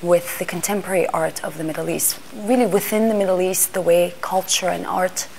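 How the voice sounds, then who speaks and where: Fairly low, gravelly, and a little mellow, this middle-aged woman's voice moves a little fast with fairly even intonation, backed by a slight hiss or hum. An art fair panel organizer from Iran who was raised in Greece and Washington D.C., she gives a thoughtful interview monologue full of restarts and fillers as she reaches for words.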